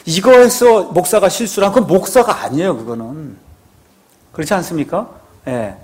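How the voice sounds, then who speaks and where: A man's voice: high-pitched, expressive, normal speed, darkish tone. Man preaching with rhetorical questions. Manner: conversational preaching with rhetorical questions and frequent affirming "yes". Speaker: pastor. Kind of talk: sermon.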